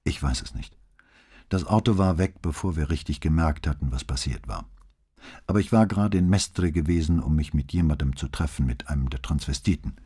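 A man's voice: rumbling low, brisk, mellow, breathy edge. A man reading an audiobook, voicing a shaken middle-aged police commissioner who talks in a subdued, downplaying way. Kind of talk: audiobook dialogue.

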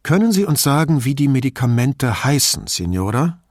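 A man voicing a courteous, patient police commissioner asking measured questions. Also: medium pitch, very animated, darkish tone, dry recording, studio quality, pitched above the performer's own voice. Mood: polite. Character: middle-aged police commissioner, polite, patient.

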